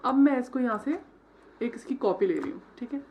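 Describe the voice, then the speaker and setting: Woman teaching a design class at her computer, kinda high voice, keeps saying theek hai, some faint typing behind. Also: animated, brisk, warm tone, muffled recording, slight background noise. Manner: step-by-step, frequent "theek hai" check-ins; mixes English terms into Hindi. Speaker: design tutor. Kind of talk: screen-recorded software tutorial.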